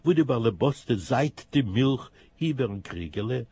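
A man's voice: medium pitch, animated, a little slow, darkish tone, breathy edge, no room sound. A man doing a knowing old tomcat. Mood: advising.

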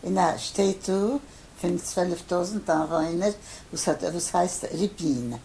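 An older Polish man, a native speaker of Polish, gives a halting interview answer in Yiddish, full of pauses and fillers. His low, gravelly voice is dark and mellow with a steady tone, and a faint hiss runs beneath it.

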